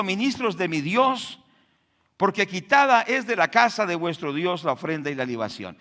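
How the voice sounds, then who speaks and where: A man preaching a sermon in church, firing rhetorical questions at the congregation and swinging between loud and hushed delivery. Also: high voice. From Colombia. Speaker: pastor.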